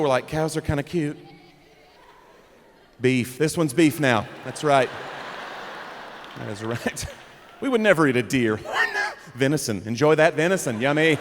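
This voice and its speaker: A young man performing a stand-up comedy set, animated and breaking into loud character bits. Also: a little high. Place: comedy club stage. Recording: live room with long reverb, faint crowd noise.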